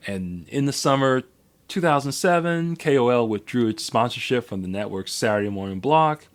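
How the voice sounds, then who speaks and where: A man's voice: medium pitch, expressive, moderate pace. A man co-hosting a podcast in casual chat, rambling through a history with many fillers and restarts. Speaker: podcast co-host.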